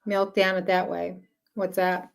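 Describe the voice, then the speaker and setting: A woman chatting casually in a halting way, repeating words as she goes. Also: lowish voice, little pitch movement, creaky, smooth. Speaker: small farmer. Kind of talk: casual chat.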